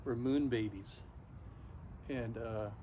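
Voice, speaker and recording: A middle-aged man talking casually and haltingly to camera outdoors, shivering in ice-cold water, pausing often mid-thought. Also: medium pitch, warm tone. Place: backyard, outdoors, in an ice bath. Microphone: camera a few metres away. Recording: noisy outdoor recording, ambient hum.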